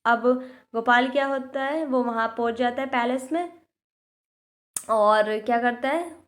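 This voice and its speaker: High-voiced woman teacher explaining a lesson. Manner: reads English lines slowly, then explains them in Hindi; addresses students directly with repeated check-ins. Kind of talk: explaining a textbook chapter.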